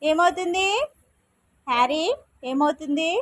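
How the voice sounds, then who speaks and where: A woman's voice: high voice, unhurried, a bit bright. A woman preschool teacher talking to small children in a classroom. She keeps asking questions, repeats the answers back, and gives simple, firm commands.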